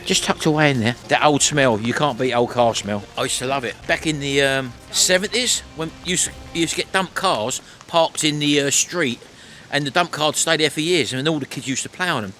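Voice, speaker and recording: A man's voice: fairly high pitch, a little fast, pushed and bright. A middle-aged man hosting a casual walk-and-talk vlog, chattily addressing his viewers. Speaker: vlog host. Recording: music behind the voice. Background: music.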